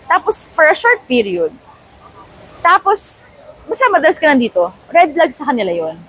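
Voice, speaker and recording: A Filipina travel vlogger in her thirties tells a story from an airport terminal, talking casually and animatedly. Her voice sits high, and the recording is rough. She's chatty and mixes English phrases into her speech.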